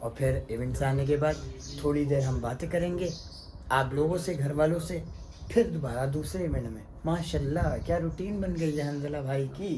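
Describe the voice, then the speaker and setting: A young man vlogs his day to camera, pitched a little high for a man. He is chatty and playful, talking to his viewers like old friends. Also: moderate pace, a crowd in the background. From Pakistan. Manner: chatty, playful, addresses viewers as guys and brother. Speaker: family vlogger. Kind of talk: casual vlog narration to camera.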